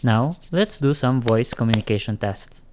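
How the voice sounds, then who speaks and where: A man's voice: mid-range voice, lively intonation, moderate pace, a little mellow, a little hiss or hum. A man narrating a casual product review, talking directly and in a friendly way to his viewers. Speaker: tech reviewer. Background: background music.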